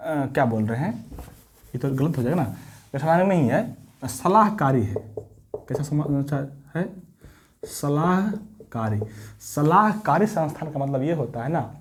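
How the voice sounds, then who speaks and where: Male exam tutor, repetitive classroom style, throat-clearing coughs throughout. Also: mid-range voice, darkish tone. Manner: repetitive, quizzing with frequent tag questions. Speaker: exam coaching teacher. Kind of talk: classroom exam-prep lecture.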